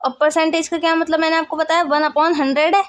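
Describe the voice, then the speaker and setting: A woman's voice: very high voice, level tone, fast talker. A woman teaching a maths lesson, explaining step by step and often asking if the class follows.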